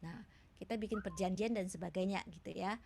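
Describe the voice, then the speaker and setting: A woman's voice: medium pitch, a little fast, gravelly, darkish tone. Patient woman speaker on a webinar. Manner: explains patiently with many hesitations and tag questions. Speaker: seminar speaker. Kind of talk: webinar talk answering questions. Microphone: video call.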